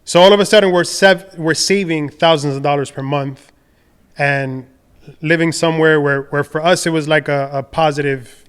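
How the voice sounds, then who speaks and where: Smooth-voiced man telling his story. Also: a little high, normal speed. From Dominican Republic. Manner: relaxed, rambling, many fillers and restarts. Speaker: podcast guest, designer and entrepreneur. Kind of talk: casual conversational storytelling.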